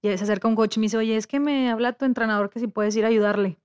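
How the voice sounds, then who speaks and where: Mexican woman telling a lively story. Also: on the high side, fast, clear, resonant tone. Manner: lively storyteller who acts out quoted voices. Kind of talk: casual chat.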